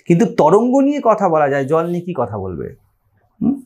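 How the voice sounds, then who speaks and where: With huge pitch swings, a fairly high voice, and a slightly mellow quality at normal speed, this man gives a spiritual lecture on scripture. A spiritual teacher with a Bengali accent, he works through it step by step, regularly posing rhetorical questions to his listeners.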